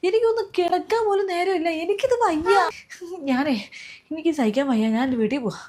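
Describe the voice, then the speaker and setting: A woman's voice: very high voice, a little mellow. A woman playing a fed-up, overworked sister-in-law. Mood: furious. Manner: complaining, rapid, exasperated. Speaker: sketch comedian.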